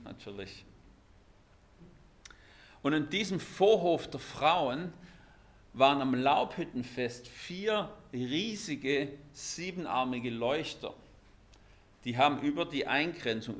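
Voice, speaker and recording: Man, preacher, sermon, lively, emphatic, mid-pitched voice. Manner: lively, emphatic, shifts between loud stresses and quiet asides.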